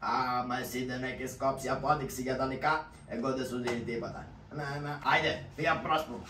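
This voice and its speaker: A man's voice: medium pitch, bright, forceful tone, slight background noise, close to an everyday voice. A man voicing a sly swindler who curtly brushes off a debt, in a shadow puppet play, recorded with roomy echo from a distance. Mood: dismissive. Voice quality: curt, dismissive. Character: sly dismissive male swindler. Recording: roomy echo, far from the mic.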